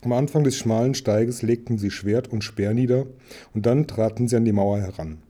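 A man narrating an audiobook in a measured storytelling manner. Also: medium pitch, dark tone. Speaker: reader.

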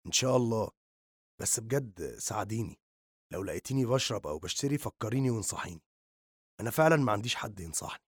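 A man doing a quiet, teasing Egyptian teenage boy. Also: lowish voice, lively intonation, fast talker, long pauses, breathy edge, no echo, studio quality, pitched below the performer's own voice. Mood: gentle teasing. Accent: Egyptian Arabic. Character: teenage boy, joking smoker. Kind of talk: audiobook reading.

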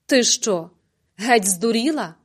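A woman's voice: fairly high pitch, animated, slow pace, breathy edge, heavily acted. A woman reading an audiobook, voicing a drunk, spiteful male neighbor with a jeering, quarrelsome manner. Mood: scornful.

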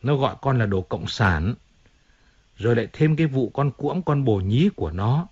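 A man's voice: mid-range voice, animated, normal speed, a little mellow, slightly rough, highs cut off. A man reading a whining, self-pitying singer. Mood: agitated. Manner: complaining, emotional, pleading. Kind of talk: audiobook character reading.

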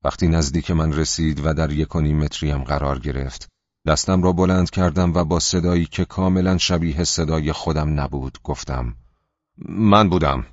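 A man with an extremely deep voice reads an audiobook in a measured, steady way. The recording is dry with no room sound, and slightly dull and lo-fi in tone. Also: no echo. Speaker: audiobook narrator. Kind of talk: scripted audiobook narration.

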